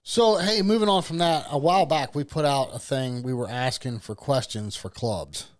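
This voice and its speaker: A man's voice: medium pitch, moderate pace. A man with an Ohio accent co-hosting a podcast, joking and rambling with restarts in casual chat. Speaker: podcast co-host.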